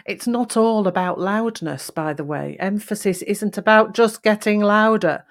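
A woman hosting a voice-coaching podcast, speaking deliberately and demonstrating emphasis and changes of pace. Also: medium pitch. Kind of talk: instructional podcast talk.

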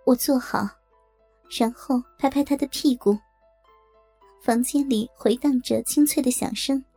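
A woman narrating a first-person audiobook story in a smooth, confiding way. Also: high voice, a little slow, warm tone, faint music behind.

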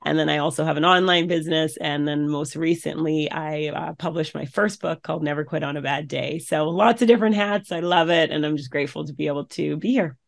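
A woman's voice: sits low, steady tone, a little fast, creaky, hardly any pauses. A woman from Canada, an entrepreneur and soccer coach, answering interview questions earnestly with many restarts.

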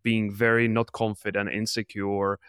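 A man's voice: on the low side, flat delivery, moderate pace, fairly bright tone, smooth, dry recording, clean studio sound. A man in his twenties from the Czech Republic, an entrepreneur answering interview questions in an earnest, motivational way. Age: 20s. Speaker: podcast guest, entrepreneur.

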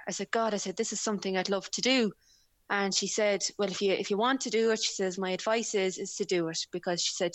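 A woman's voice: medium pitch, no room sound. A woman from County Leitrim with a west of Ireland accent, chatting and telling anecdotes casually as an interview guest. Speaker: interview guest, amateur cyclist. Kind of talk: casual conversational storytelling.

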